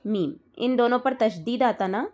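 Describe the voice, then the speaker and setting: A woman whose voice is a little high, animated, and mellow is teaching Quran recitation. Her explanations come slowly and patiently, with each point repeated and frequent checks on whether her student follows.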